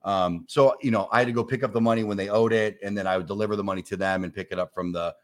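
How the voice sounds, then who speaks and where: A man's voice: on the low side, rapid-fire. A man in his forties telling a long anecdote in casual chat, swearing freely and acting out both sides of conversations. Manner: animated storyteller, swears freely, acts out both sides of dialogue. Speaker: guest storyteller. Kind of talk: casual anecdote on a talk show.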